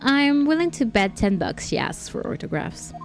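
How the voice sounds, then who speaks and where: A woman's voice: a little high, big pitch swings, moderate pace, vocal fry, faint music behind. A young woman streamer giving casual, joking commentary with laughing asides while playing a game.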